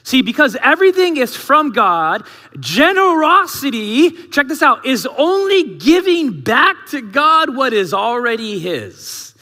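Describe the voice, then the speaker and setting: A male pastor with a high, bright voice gives a sermon at a measured pace, long reverb trailing his phrases across the large church hall. He speaks conversationally and with liveliness, firing rhetorical questions at those gathered.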